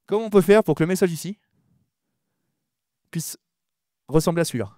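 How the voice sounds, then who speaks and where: Fast, mumbling male conference speaker. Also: fairly high pitch, lively intonation, mellow, dry recording, studio quality. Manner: talks fast and mumbles his words; often repeats words and restarts sentences. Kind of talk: lively conference talk addressing the audience.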